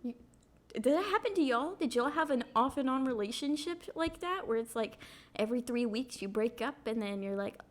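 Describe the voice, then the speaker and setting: A young woman co-hosting a podcast, telling stories in a casual, animated way with lots of fillers. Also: fairly high pitch, normal speed. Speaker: podcast co-host. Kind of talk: casual chat.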